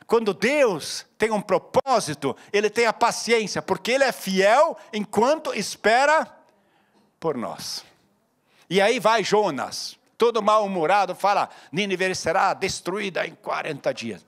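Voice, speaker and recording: High-voiced, animated preacher man. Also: a little slow. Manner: animated preaching, acting out dialogue with sudden loud and soft turns. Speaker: pastor. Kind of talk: sermon.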